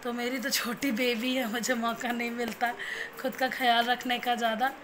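A woman's voice: fairly high pitch, level tone, normal speed, background noise. A young woman and new mother talking casually to her viewers at home, chatty and giving plain advice. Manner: cooing baby talk to her infant; chatty, advising viewers directly. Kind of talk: casual home vlog talk.

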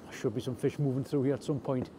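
A man's voice: medium pitch, steady tone, fast. Man on a windy night shore. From North East England. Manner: chatty, self-deprecating, understated. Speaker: angler vlogger. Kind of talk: casual fishing vlog narration. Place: outdoors on rocky shore at night, wind and rain. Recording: outdoor camera audio with faint wind noise.

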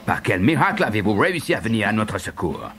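A man's voice: on the low side, very animated, quick pace, pitched above the performer's own voice. A man voicing an impatient young male English officer in an audio storybook. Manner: impatient questioning. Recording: loud music underneath.

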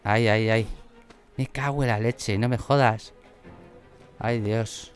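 A man commenting on his game as he plays, excitable and swearing often. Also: lowish voice, takes it slowly, smooth, soft background music. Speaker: gaming streamer. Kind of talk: let's play commentary.

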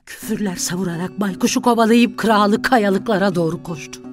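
A woman narrating a literary story in a measured, dramatic reading. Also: medium pitch. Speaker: audiobook narrator. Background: soft music.

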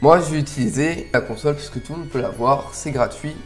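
Man, tutorial host, casual, rambling explanations, soft music underneath. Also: mid-range voice, brisk. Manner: relaxed, chatty, slightly rambling.

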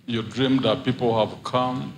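Commanding middle-aged prophet in echoey hall. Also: male voice, medium pitch, steady tone, unhurried. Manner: commanding, declaring deliverance. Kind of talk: deliverance prayer and prophecy. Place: large indoor church hall. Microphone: handheld mic. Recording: roomy hall with faint noise.

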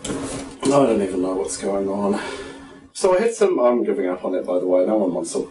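Broad Kiwi man, lively and chatty. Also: sits low, moderate pace, background noise. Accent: broad New Zealand. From New Zealand. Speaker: talk show host. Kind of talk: casual live chat. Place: small living room, indoors. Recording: roomy, distant microphone.

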